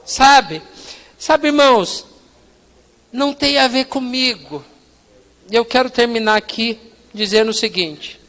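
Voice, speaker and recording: A man's voice: extremely high pitch, a little slow, pauses often. A man with a Brazilian Portuguese accent preaching a sermon, telling a personal story with acted-out dialogue. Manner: animated storytelling, acts out dialogue with God and his wife. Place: large church hall. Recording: reverberant church hall.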